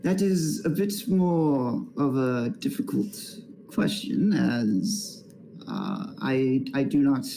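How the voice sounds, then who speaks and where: Slow, formal island queen with a dark, gravelly voice, put on by a male game master. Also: mid-range voice, slight background noise, low-quality recording. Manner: formal, measured, hesitant. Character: formal, measured queen of a dragon isle.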